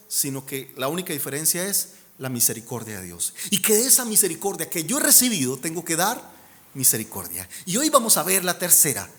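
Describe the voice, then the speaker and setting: A Colombian man preaching a sermon as pastor, animated and humorous, swinging between loud emphatic lines and soft low endings. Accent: Colombian Spanish.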